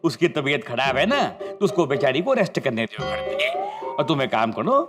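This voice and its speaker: A man's voice: medium pitch, huge pitch swings, normal speed. An actor playing a suspicious, overbearing office boss in a broad sitcom, theatrical and needling, mixing English into his Hindi. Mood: slyly insistent. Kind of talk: broad television sitcom acting. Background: comic background music.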